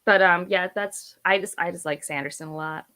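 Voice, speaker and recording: A woman in her thirties, a book vlogger on a read-along panel, chats casually and emphatically about books, rambling and opinionated. Her lowish voice moves fairly quickly with a sharp tone.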